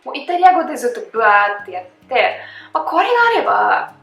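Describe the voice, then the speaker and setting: A woman with a Russian accent hosts a relaxed chat, talking with many fillers and easy laughter. Her voice sits a little high. The room is roomy and echoey, with faint background music. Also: fast talker, vocal fry. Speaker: host. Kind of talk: casual chat.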